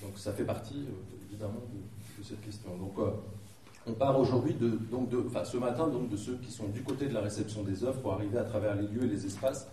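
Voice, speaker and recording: A man hoarse with flu moderates a conference round table, speaking in a halting, hesitant way. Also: on the low side, dark tone. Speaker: round-table moderator, cultural agency director. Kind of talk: introducing a conference panel. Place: indoor conference room. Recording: roomy echoing hall, distant mic, faint noise.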